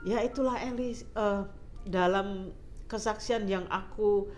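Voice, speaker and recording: A woman's voice: medium pitch, slow pace, a little mellow, faint music behind. A woman telling her faith testimony in casual chat, mixing English phrases into her talk and laughing often. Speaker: guest sharing a testimony.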